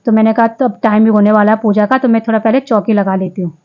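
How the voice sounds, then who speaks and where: A woman's voice: mid-range voice, steady tone, fast, lo-fi sound. A woman vlogger narrating her day in a casual voice-over, chatty, often restarting and correcting herself.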